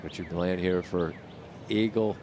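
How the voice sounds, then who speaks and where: A man with a fairly low voice gives live golf commentary as the play-by-play host. He speaks in measured, clipped phrases with understated, wry asides, over clearly audible outdoor noise. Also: fairly even intonation.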